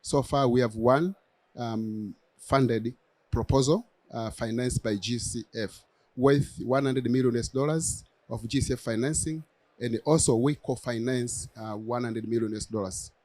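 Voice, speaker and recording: A man with a Tanzanian accent giving a formal panel presentation as a bank representative, speaking haltingly with frequent pauses. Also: medium pitch, a little mellow, no echo.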